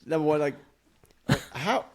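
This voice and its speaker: A man's voice: on the high side, animated, measured pace. A man co-hosting a talk show, giving casual comedic commentary in a crude, profanity-laced way. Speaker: show co-host.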